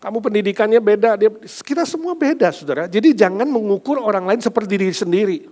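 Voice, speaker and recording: A male pastor preaching a sermon, swinging from loud emphatic build-ups to soft, low asides and mixing in casual speech. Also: animated, fast talker. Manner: mixes casual speech and English phrases into preaching. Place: church sanctuary.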